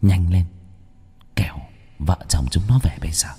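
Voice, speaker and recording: A man voicing a cruel, scheming possessed young woman who speaks in a low hissing half-whisper in a horror story. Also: sing-song, unhurried, warm tone, husky, big-room sound, full character voice. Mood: sinister.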